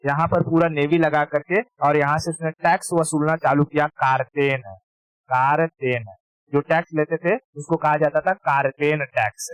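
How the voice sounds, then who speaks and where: A man teaching a casual exam-prep history lecture, his voice sitting a little high. He talks informally, drills names by repeating them and keeps asking if students follow. The sound is close and dry, with almost no room. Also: flat delivery, moderate pace, fairly bright tone, clear, resonant tone, no echo, poor audio. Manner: informal, repeats key terms and checks understanding.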